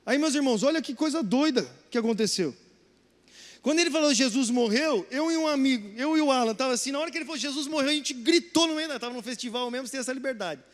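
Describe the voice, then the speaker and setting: High-voiced preacher in a reverberant hall. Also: male voice, fast talker. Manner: animated storytelling, acts out dialogue. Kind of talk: sermon with storytelling.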